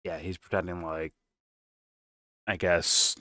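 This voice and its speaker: Deep, bright-toned man reacting casually. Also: flat delivery, takes it slowly, dry recording, clean studio sound. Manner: loose, profane, stammering restarts with laughs. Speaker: reaction show host.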